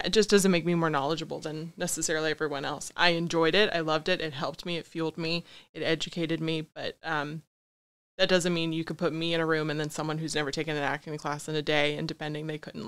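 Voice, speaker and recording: Brief: female podcast guest, slightly low voice, reflective and candid. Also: level tone, brisk, fairly bright tone, smooth. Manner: candid, reflective, self-deprecating. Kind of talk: casual conversation.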